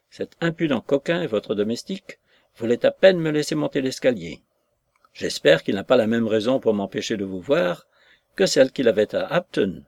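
A man's voice: medium pitch, creaky, a little mellow, dry recording. A man reading aloud and voicing a chattering, indignant lady's maid in a raised, prattling voice.

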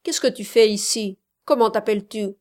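A woman's voice: a little high, lively intonation. A woman voicing a cocky young male street tough who rattles off boastful slang in a storybook reading. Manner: boastful, rapid slang patter.

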